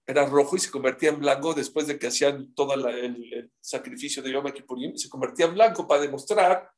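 A man with a mid-range voice speaks fast as he teaches a live Talmud class, telling the stories dramatically and firing rhetorical questions at his listeners.

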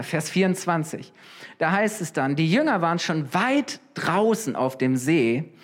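A man preaching a sermon in a lively, conversational way, often asking his listeners questions. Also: on the high side.

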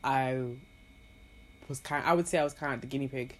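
A woman's voice: a bass voice, fairly quick. Playful young woman, casual. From Trinidad. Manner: playful, laughing, animated storytelling. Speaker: podcast guest. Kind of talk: casual chat.

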